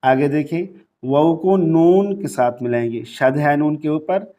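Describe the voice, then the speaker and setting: In this tajweed lesson, a male Quran teacher with a Pakistani accent covers the rules rapidly in Urdu, then recites the Arabic verses slowly with long, drawn-out tones. His pitch is on the high side and his tone is dark.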